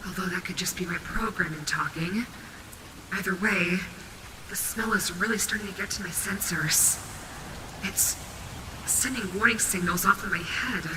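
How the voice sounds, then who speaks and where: A woman's voice: on the low side, normal speed, pauses often, lightly acted. A woman playing a female animatronic wolf in an audio roleplay, vain and sassy but protective and maternal, talking casually. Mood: quiet, concerned musing. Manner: sassy, casual, swearing, muttering asides to herself. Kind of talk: character audio roleplay, speaking to listener. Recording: heavy rain and thunder noise behind. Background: rainstorm sound effects.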